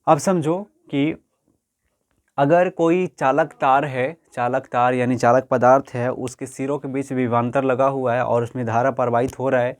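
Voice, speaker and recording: A man explaining a school physics lesson in a homely, colloquial way, using everyday examples. He restates each point and keeps pausing to ask whether the students are following. His pitch sits right in the middle for a man. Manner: repetitive, checks understanding often. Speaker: teacher.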